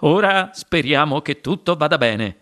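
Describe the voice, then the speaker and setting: A man doing a wild, excitable old chocolate maker. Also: measured pace, full character voice. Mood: hushed. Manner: theatrical, swooping pitch jumps. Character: eccentric elderly male chocolate maker, excitable. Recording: music playing underneath.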